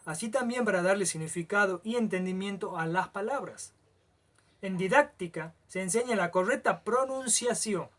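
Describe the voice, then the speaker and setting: A man, teaching a lecture and often stopping to check that the listener follows, stretching some words out slowly. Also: high-pitched, a bit bright.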